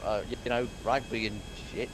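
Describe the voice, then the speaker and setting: A man's voice: medium pitch, moderate pace. A man, joking and teasing his friends with chuckling banter while they play. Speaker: player in gaming session. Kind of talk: casual gaming banter. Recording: steady game noise behind.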